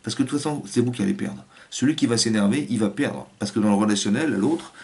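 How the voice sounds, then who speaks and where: A man, a rabbi, giving a Torah lecture in an animated way, acting out family voices and restarting his phrases often. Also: medium pitch, fast.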